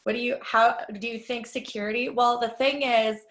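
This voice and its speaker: Woman trainer with a higher voice, talking chattily to a live room and sharing stories; roomy echo on the recording. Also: fairly even intonation, moderate pace, fairly bright tone. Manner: chatty, confiding, tells personal stories; addresses the audience directly. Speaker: business trainer. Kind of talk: live training talk to an audience. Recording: echoey room.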